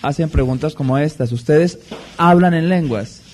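A man preaching a sermon in a measured, deliberate way, stressing key words. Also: a little high, a little mellow, a little hiss or hum.

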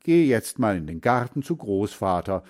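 A man voicing a gentle older grandmother in a storybook reading, calm and cautioning. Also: fairly low pitch, moderate pace.

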